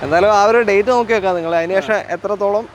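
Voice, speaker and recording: A man's voice: sits high, rapid-fire, a crowd in the background. A man with a Kerala Malayalam accent hosts casually, mixing English car terms into Malayalam and repeating answers back to confirm them. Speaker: host of a used car video show. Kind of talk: casual presenting and questioning. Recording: outdoor street noise, faint traffic.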